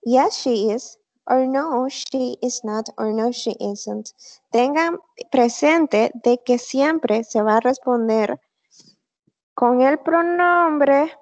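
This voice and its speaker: A woman teaching an online English class, speaking slowly and carefully and repeating example phrases. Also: high voice, animated, a little mellow, dry recording. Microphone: computer mic on a video call. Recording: slightly dull online class audio.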